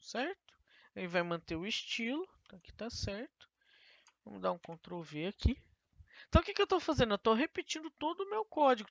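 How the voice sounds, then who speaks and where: A woman teacher talks through a screen-recorded coding lesson, asking herself questions and then answering them. Her voice has a gravelly edge. The sound is dry and dull, like a cheap computer mic. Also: fairly high pitch, no echo.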